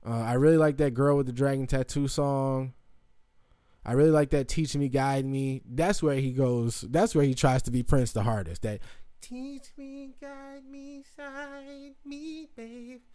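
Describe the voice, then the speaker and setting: A man's voice: medium pitch, warm tone, clear, resonant tone, no room sound, clean studio sound. A young man hosting a casual comedic monologue, rambling and profane with lots of ums and asides. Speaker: show host.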